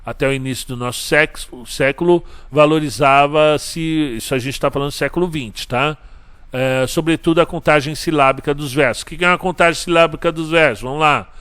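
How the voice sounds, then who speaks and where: A man's voice: on the high side, fairly quick, a bit bright, clean tone. A man teaching a class on verse. He counts syllables aloud, asks questions and answers them himself, and checks in with his listeners often. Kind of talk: recorded class lecture.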